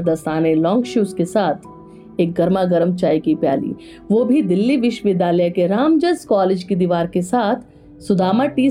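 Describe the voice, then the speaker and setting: A woman reads scripted narration in a lyrical, folksy way. Her voice is mellow and dark, never bright. Faint instrumental music plays behind her. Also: mid-range voice.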